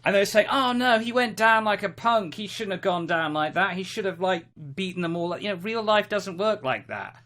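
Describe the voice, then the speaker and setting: A podcast co-host talks casually and emphatically about video games, full of opinions and conversational asides. The voice is medium-pitched, expressive and a bit bright, at normal speed with few pauses.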